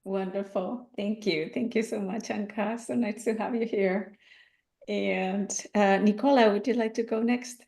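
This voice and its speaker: A woman's voice: mid-range voice, fairly even intonation, unhurried, creaky. A woman hosting a podcast, reading a scripted welcome and then chatting with guests with fillers and restarts. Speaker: podcast host. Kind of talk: scripted intro then casual moderated chat. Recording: intro over loud music.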